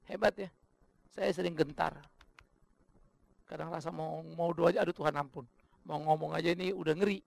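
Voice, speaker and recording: A middle-aged Indonesian man preaching a sermon, swinging from loud emphatic bursts to low, confiding asides. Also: fairly even intonation, normal speed, creaky, long pauses. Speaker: pastor.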